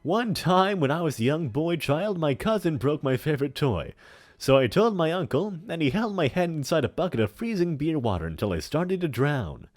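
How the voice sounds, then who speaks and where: A man's voice: on the high side, big pitch swings, normal speed, voice pushed up. A man voicing a pompous, menacing, melodramatic older man in a hammy stage-actor manner for a comic dramatic reading. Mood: sinister, nostalgic. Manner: hammy stage-actor delivery with grandiose emphasis.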